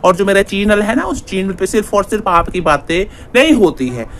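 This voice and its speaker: A man's voice: high-pitched, very animated, moderate pace, fairly bright tone, slight background noise, full character voice. A man playing a fawning, gossipy young female sidekick vlogger in a comic parody, chatty and repetitive.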